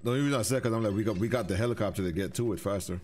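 A young man from the US Virgin Islands with the island accent, chatting casually while streaming a game, easygoing but animated when he rants. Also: fairly low pitch, rapid-fire, a little hiss or hum. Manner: easygoing, turns loud and animated when ranting. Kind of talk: casual gaming chat.

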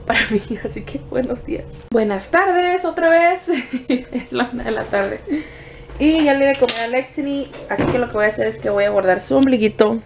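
A woman's voice: on the high side, slight background noise. Chatty young mother vlogging at home. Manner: chatty, rambling with fillers and restarts. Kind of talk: casual daily vlog.

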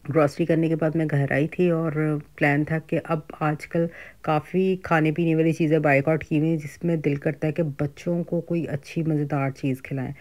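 Here a home cooking vlogger, a middle-aged woman with a Pakistani Urdu accent, speaks in a warm, low-pitched voice. She chats casually through groceries and cooking, conversational and sprinkled with fillers and side remarks.

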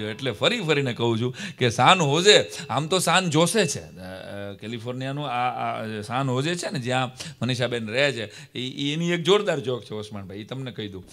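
A man telling comic stories on a live stage, acting out dialogue in lively voices. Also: mid-range voice. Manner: animated, acts out dialogues, bursts of laughter. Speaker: stand-up comedian and storyteller. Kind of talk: live stage comedy storytelling.

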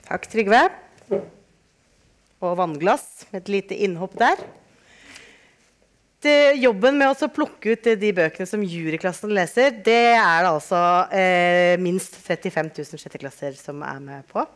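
A woman with a fairly low voice introduces the next part of a live award event. She talks in a conversational way, pausing on small fillers as she moves things along. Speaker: event host.

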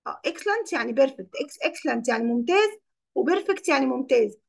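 High gravelly-voiced Egyptian woman teacher. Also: animated, fast talker. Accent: Egyptian Arabic. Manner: explains English words in Arabic, quizzes pupils by name. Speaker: English teacher. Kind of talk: classroom lesson.

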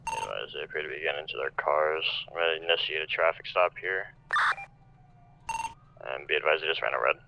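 A man's voice: very deep voice, a little fast, vocal fry, pauses often. A man calling out over a police radio in a roleplay game, clipped and matter-of-fact, using radio codes. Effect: police radio transmission. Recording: dull lo-fi radio sound with faint noise.

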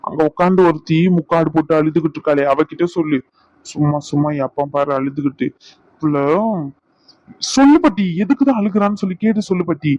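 A man's voice: on the high side, steady tone, fast talker, a little mellow, lightly acted. A man voicing an exasperated young husband, a doctor, who pleads and complains to his grandmother about his wife. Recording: dull lo-fi.

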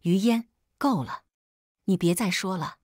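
A woman voicing a cold young man who speaks curtly, scolding one person and placating another, in a husky voice. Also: lowish voice, a little slow, a little mellow, no room sound, clean studio sound. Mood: stern. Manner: curt, placating the elder, scolding.

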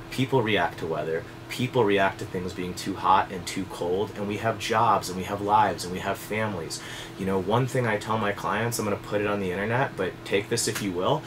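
A man in his thirties, a fly fishing guide, explaining things to camera in a relaxed, conversational way with casual fillers, seated at a desk indoors. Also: on the low side, background noise. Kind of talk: direct-to-camera instructional talk.

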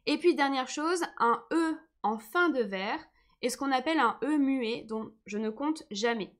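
A woman's voice: high voice, lively intonation, measured pace. A woman teaching a live online lesson, patient and encouraging, who says she is tired today. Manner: patient, encouraging, reads comments aloud.

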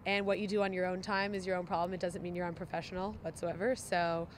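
A woman's voice: lowish voice, little pitch movement, fast talker. A young woman speaks frankly and with emphasis in a campus street interview. Her voice sits in a middle range, with faint traffic behind her. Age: young adult. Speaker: student interviewee. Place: outdoors on campus.

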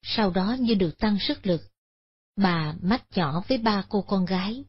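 A woman narrating a Buddhist moral story in a steady, solemn manner. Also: mid-range voice, unhurried, husky. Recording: dull lo-fi recording.

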